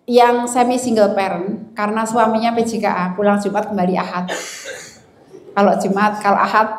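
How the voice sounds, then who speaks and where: A woman giving a seminar talk on family life, telling a story expressively and speaking directly to her audience. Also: medium pitch. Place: seminar hall. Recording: roomy hall echo.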